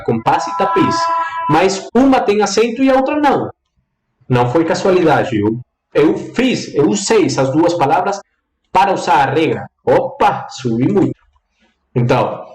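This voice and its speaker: A male Spanish teacher streaming a live lesson, his pitch swinging up and down as he drills the rules. He repeats phrases in a singsong way and slips between Portuguese and Spanish. The room gives his voice a noticeable echo. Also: darkish tone. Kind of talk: live online language lesson.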